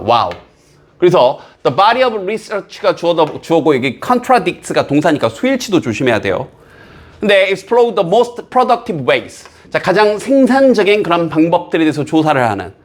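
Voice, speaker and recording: Animated Korean man teaching English. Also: fairly high pitch. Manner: lively, animated explaining with reading aloud of English phrases. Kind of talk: recorded exam-prep lecture.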